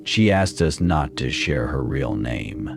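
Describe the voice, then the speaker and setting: A man narrating a horror story in a slow, low-key scripted reading, with a very deep, hushed voice. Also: very animated, vocal fry. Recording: music bed under the voice.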